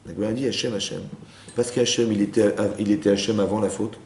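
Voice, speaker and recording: His voice is lowish, a little mellow, and fairly even in intonation as he moves at a quick pace. The man is a rabbi giving a Torah lesson to women in a lecture room, adding Hebrew terms and frequently checking for understanding, with faint background noise in a roomy recording.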